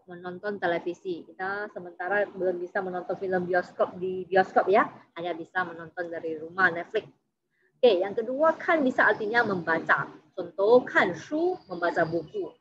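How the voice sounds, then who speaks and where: A woman teacher works through a vocabulary lesson. She sounds out each example word slowly and deliberately, then rushes through the explanation, often ending with "ya". The recording is dull and lo-fi, with a faint hiss underneath. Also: mid-range voice. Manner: slow, careful enunciation of example words, then quick explanations; frequent tag "ya". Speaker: Mandarin teacher.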